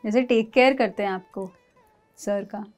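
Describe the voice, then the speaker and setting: A woman interviewer gently prompting her guest with short questions and comments. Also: medium pitch, unhurried, soft background music.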